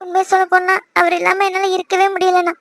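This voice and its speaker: Woman playing a high-pitched, fast-talking cartoon sister, dry close sound. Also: completely flat delivery, fairly bright tone, dry recording. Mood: tearful. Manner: pleading and tearful, quick chatter. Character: young married sister, emotional and lively. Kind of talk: animated cartoon dialogue.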